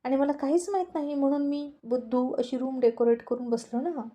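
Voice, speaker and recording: A woman's voice: on the high side, unhurried, mellow, lo-fi sound, close to an everyday voice. A woman voicing a short-tempered young businessman husband in a storybook reading, curt and irritated, mixing in English phrases.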